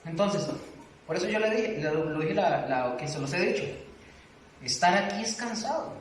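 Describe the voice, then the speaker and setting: A man's voice: sits high, lively intonation, moderate pace. A man teaching a church doctrine class, earnest and exhorting, often putting questions to his listeners. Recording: echoey room, distant mic, faint noise.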